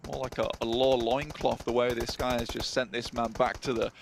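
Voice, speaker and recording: A man casting a live esports match, giving play-by-play commentary with quick, chatty banter. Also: medium pitch, little pitch movement, gravelly, a little hiss or hum. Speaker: esports caster.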